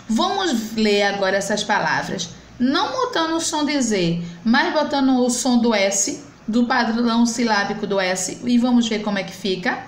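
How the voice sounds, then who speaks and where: Woman, teacher for kids, encouraging, stretched-out syllables, faint noise behind. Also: on the high side. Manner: slow, drawn-out syllables, coaxing and encouraging. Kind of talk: reading-and-writing lesson for children. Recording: echoey room with faint background noise.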